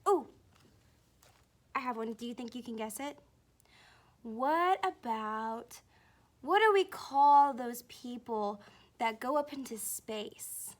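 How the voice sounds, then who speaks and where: A woman teaching a children's phonics lesson, speaking slowly and encouragingly and asking young learners questions directly. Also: a little high, expressive.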